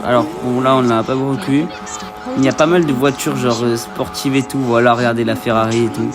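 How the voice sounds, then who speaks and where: A man's voice: medium pitch, steady tone, brisk, music in the background. Young man joking through gameplay. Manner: joking, street slang, talks to viewers. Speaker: gaming video creator. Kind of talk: let's play gameplay commentary.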